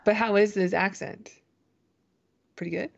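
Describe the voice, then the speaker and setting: Podcast co-host, casual chat, wry asides, gravelly, dull lo-fi audio. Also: medium pitch, steady tone, a little slow.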